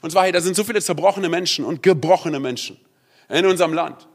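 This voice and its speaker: Male preacher, lively conversational sermon, somewhat high pitch. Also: quick pace. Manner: lively, conversational, peppered with "hey" and "oder?". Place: church.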